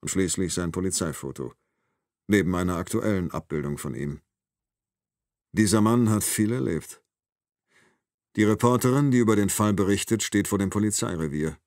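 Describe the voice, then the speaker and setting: A man narrating a thriller audiobook in an even, measured reading. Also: low voice, dry recording, clean studio sound.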